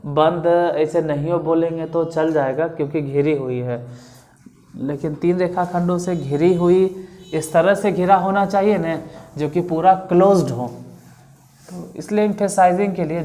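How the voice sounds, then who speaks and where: Mellow-voiced Bihari Hindi maths teacher. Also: male voice, fairly high pitch. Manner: repeats definitions slowly for dictation, quizzes students. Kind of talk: online classroom lesson.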